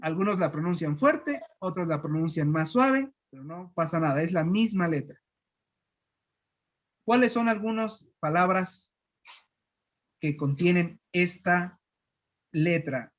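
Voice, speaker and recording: Un profesor de Guatemala que enseña pronunciación con calma, repitiendo sílabas despacio. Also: mid-range voice, lo-fi sound. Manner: patient, repeats syllables slowly. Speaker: language teacher. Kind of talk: slow pronunciation lesson.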